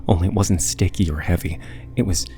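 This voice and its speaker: A man narrating a scripted scary story in the first person, in a low, haunting, hushed voice. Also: steady tone, a little fast. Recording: music behind the voice. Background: music.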